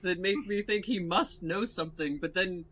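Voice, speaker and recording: A man's voice: high voice, normal speed, sharp tone. A man reading a game diary as an anxious, cheating man, in a bouncy mock-Swedish accent, on a slightly muffled recording. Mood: fretful.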